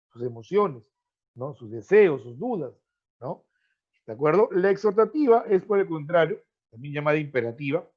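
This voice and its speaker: A man with a Peruvian Spanish accent teaching an online pre-university grammar class, explaining with frequent tag questions and repetitions and fondly addressing his students as freshmen. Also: a little high. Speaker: language teacher. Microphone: video call. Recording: dull lo-fi online-class audio.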